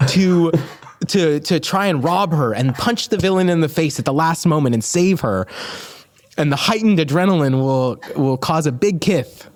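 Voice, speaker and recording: A man's voice: a little high, expressive, moderate pace. A man in his thirties co-hosting a podcast, full of playful, goofy banter. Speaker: podcast co-host. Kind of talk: casual podcast chat.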